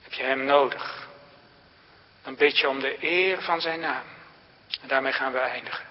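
A man preaching a sermon in a church, in a slow, solemn style with emphatic rising phrases. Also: mid-range voice. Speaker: pastor. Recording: lo-fi church recording with long reverb.

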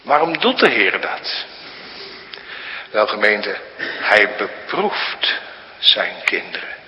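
A man preaching a sermon to a congregation, slow and emphatic, rising now and then to loud, high appeals. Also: very animated, highs cut off. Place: church. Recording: hall reverb.

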